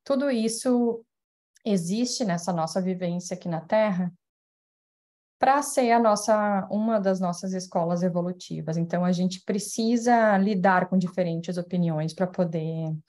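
A woman's voice: on the low side, unhurried, warm tone. A woman gives a public spiritual talk over a video call from home. She explains her points thoughtfully, with many fillers and tag questions. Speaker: speaker at a spiritist center. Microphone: webcam mic on video call.

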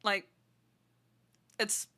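Stuffed up from being sick, this streamer sounds nasal as she chats with viewers in a giggly, affectionate, playful way. She speaks extremely slowly, her voice pushed and bright.

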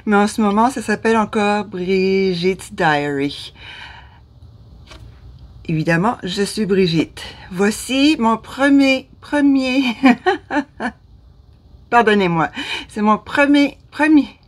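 A vlogger in her fifties from Ottawa, with a Canadian French accent, talks casually to camera in a small indoor room. Her medium-pitched voice is slow, with long pauses, and she's hesitant, often losing her words and starting over.

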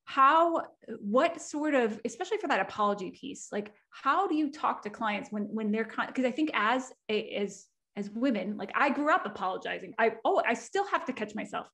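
High-voiced enthusiastic woman podcast host. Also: animated, moderate pace, gravelly, few pauses, fairly bright tone. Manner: enthusiastic, chatty, lots of "like". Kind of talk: podcast interview.

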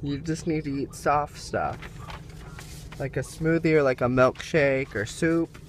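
High-voiced man chatting casually. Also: unhurried, a little hiss or hum. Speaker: companion looking after a patient. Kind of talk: casual caring chat. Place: inside a parked car.

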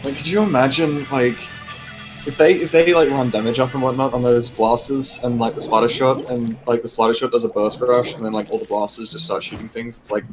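A man doing play-by-play esports commentary, rambling and excitable, with lots of fillers. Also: medium pitch, fairly quick. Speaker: esports caster. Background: background music.

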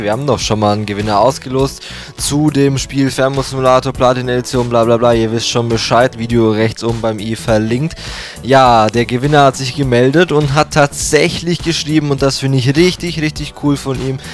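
Casting: young male YouTube host, mid-pitched, upbeat and slangy giveaway announcer, music underneath. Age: young adult. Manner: enthusiastic, informal youth slang. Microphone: handheld microphone held close to the mouth. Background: background music.

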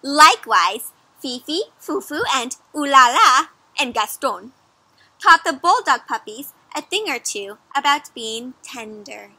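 The audio is poor and has no room sound: a young woman with a high-sitting voice reads a picture book to kids outside in a garden or yard. She pauses for animated, teacherly questions, chatting with the children like friends.

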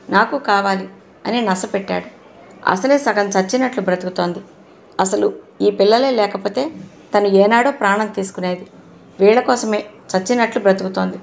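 Gravelly-voiced woman narrating a novel. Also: medium pitch, slight background noise. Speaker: audiobook narrator.

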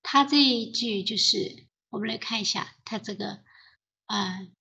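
A woman's voice: medium pitch, a little slow, sharp tone, a little hiss or hum, low-quality recording. A woman leading an online study group, explaining pronunciation patiently with many fillers over a voice call.

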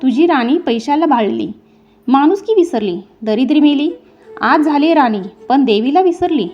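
A woman's voice: high-pitched, expressive, normal speed, a little mellow, dull audio, soft background music. A woman voicing an angry old beggar woman who scolds bitterly in a storybook telling. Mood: bitter scolding.

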